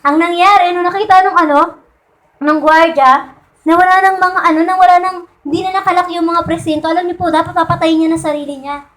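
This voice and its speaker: A woman preaching a sermon in a conversational way, often checking in with her listeners through quick rhetorical questions. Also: extremely high pitch, fairly even intonation, fairly bright tone. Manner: conversational, repeats and restarts points. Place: church meeting room. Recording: echoey room.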